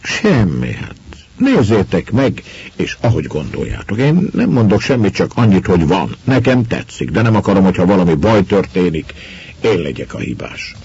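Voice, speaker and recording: A man's voice: sits low, sing-song, a little mellow, dry recording, dull audio, voice pushed up, full character voice. A man voicing a surly lame outlaw. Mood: defensive. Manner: gruff, defensive.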